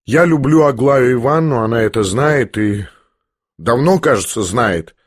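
A man voicing a gentle, timid young prince who speaks softly and haltingly. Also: mid-range voice, slightly rough, dry recording, studio quality, close to an everyday voice. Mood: tender. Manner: soft, hesitant, halting.

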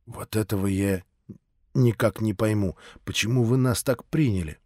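A man voicing a timid, bewildered Martian man in an audiobook, speaking quietly and hesitantly. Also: fairly low pitch, moderate pace, no room sound, studio quality, pitched below the performer's own voice, lightly acted.

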